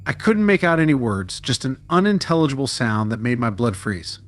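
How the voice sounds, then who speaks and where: A man giving a steady, dramatic scripted narration of a true-style horror story. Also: medium pitch, brisk, slight background noise.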